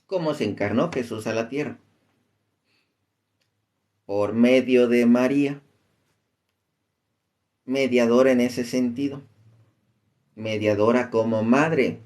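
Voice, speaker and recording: A man's voice: medium pitch, takes it slowly, long pauses, darkish tone. A man giving informal Bible teaching. He reads scripture aloud and looks up verses as he talks. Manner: reads scripture aloud, searches for verses mid-talk, uses "este" as filler.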